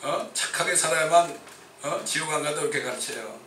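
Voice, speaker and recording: A male pastor with a Chungcheong Korean accent preaches a sermon in a church sanctuary, his fairly quick voice on the high side, pushed and bright. He is emphatic and full of rhetorical questions, recorded from a distance in the echoey church with slight background noise.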